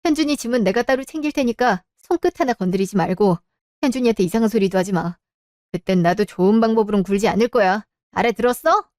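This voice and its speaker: A woman acting in a radio drama, confronting in a sharp, cold way. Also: mid-range voice, quick pace, no room sound, clean studio sound. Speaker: voice actor.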